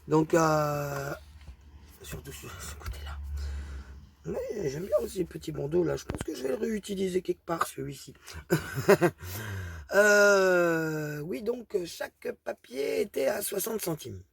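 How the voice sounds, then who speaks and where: A woman's voice: on the low side, animated, normal speed, gravelly, few pauses. A woman with a thick regional accent chatting hesitantly through a craft haul, with plenty of fillers. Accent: strong regional accent. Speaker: craft vlogger showing a haul. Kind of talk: casual product show-and-tell.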